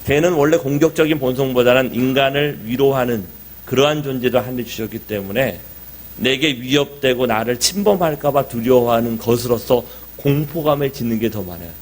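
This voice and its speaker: A middle-aged pastor preaches a sermon in a church sanctuary, speaking briskly in a mid-range voice. His tone is conversational, and he asks the congregation rhetorical questions.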